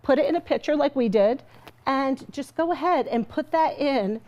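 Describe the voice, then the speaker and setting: Chatty woman guest cook, high voice, upbeat and laughing, studio kitchen, lapel mic. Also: moderate pace, darkish tone, highs cut off. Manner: bubbly, chatty, laughs often. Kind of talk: TV cooking segment.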